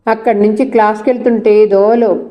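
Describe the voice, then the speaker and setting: A woman's voice: medium pitch, fairly even intonation, a little fast, muffled recording. Woman narrating a novel.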